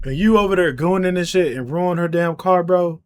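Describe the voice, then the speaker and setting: A man streaming a casual reaction to a video, slangy and animated, swinging between incredulous shouts and muttered asides. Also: high-pitched, fairly quick, smooth.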